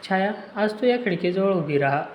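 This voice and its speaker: A man voicing a gentle young man who is a tender friend and photographer, speaking softly and coaxingly. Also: high voice, lively intonation, moderate pace, roomy sound, highs cut off, a little hiss or hum. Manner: soft, coaxing.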